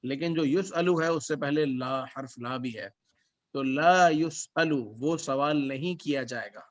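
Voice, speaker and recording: A man teaching Quranic Arabic as a class lesson, reciting verses slowly and then explaining them word by word. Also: mid-range voice. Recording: dull lo-fi recording.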